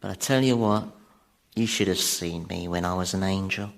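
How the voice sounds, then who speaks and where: A man's voice: low-pitched, moderate pace, gravelly. A man playing a weary, sardonic, vain Satan in a radio sitcom, with a dry delivery. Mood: wry, boastful.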